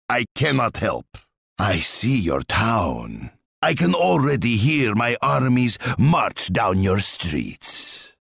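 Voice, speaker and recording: A gleeful, menacing tsar for a video game. The voice is gravelly and husky. It swoops dramatically up and down, pompous and relishing its own threats. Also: male voice, medium pitch, a bit bright, dry recording, studio quality, full character voice. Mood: curt, imperious. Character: boastful, menacing Russian tsar and warlord, imperious and gleeful. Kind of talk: video game character voice lines.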